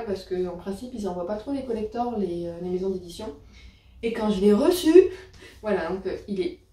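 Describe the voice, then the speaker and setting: A woman's voice: medium pitch, warm tone, slight background noise. Chatty woman, roomy and distant. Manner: chatty, many fillers and self-corrections. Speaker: book vlogger. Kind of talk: casual book haul chat. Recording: roomy, a bit distant from the mic.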